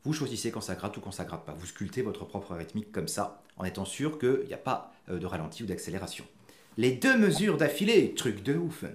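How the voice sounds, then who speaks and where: A man's voice: lowish voice, sing-song, fairly quick. A man teaching a guitar tutorial, patiently explaining and chanting strum patterns aloud as he plays. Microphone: mic near the guitar. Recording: roomy room with his guitar playing.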